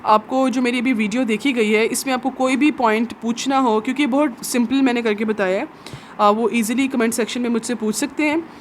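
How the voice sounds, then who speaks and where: A woman's voice: on the high side, steady tone, fairly quick, a little hiss or hum. A woman teaching biology from labelled diagrams, patiently asking questions and answering them herself. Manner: patient and repetitive, asks a question then answers it, often adds "theek hai". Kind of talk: explaining labelled diagrams in a lesson.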